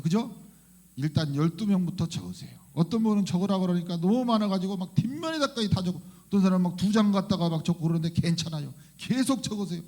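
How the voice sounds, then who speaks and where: A male pastor giving a fervent, animated sermon in church, often crying out hallelujah and questioning the congregation. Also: high-pitched. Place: church sanctuary.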